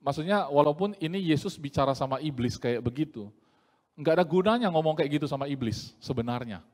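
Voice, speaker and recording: A man preaching a sermon in a lively, joking way, often acting out the voices he quotes. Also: fairly high pitch, a little fast, long reverb tail.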